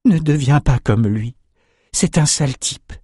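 A man voicing a caring, tearful mother who speaks softly in an audiobook. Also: mid-range voice, measured pace, breathy edge, no room sound, studio quality, pitched above the performer's own voice. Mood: pleading.

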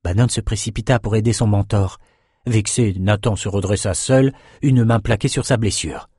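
A man reads a fantasy adventure aloud in an even, measured way. His voice sits low, and the recording is dry and close with no room sound. The pacing is steady and controlled. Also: husky, no echo. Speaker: audiobook narrator. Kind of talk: scripted fantasy narration.

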